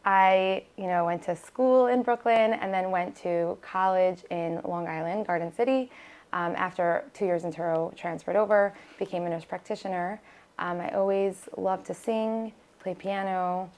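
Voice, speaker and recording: An American woman whose first language was Hebrew chats casually as a podcast guest, with plenty of fillers and restarts. Her voice runs on the low side and somewhat dark, with a steady tone at normal speed.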